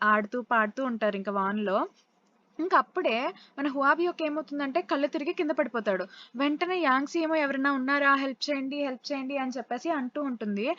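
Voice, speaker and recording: A woman's voice: high voice, fairly bright tone, no room sound, highs cut off. A woman casually retelling a drama scene by scene in a chatty way, quoting the characters' lines as she goes. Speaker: drama recap narrator. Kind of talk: casual storytelling recap.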